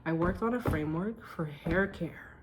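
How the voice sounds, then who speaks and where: A woman speaking at normal speed in a lowish voice records a relaxed vlog to camera at home one night, with slight background noise. Emphatic and self-joking, she chats about how her day went and the well-being research she's doing.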